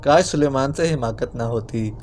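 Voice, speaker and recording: A man's voice: mid-range voice, darkish tone, a little hiss or hum, close to an everyday voice. A man doing a whiny clowning young spy. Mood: mock-pitiful. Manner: whiny, mock-pitiful clowning. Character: playful mock-tragic young male spy.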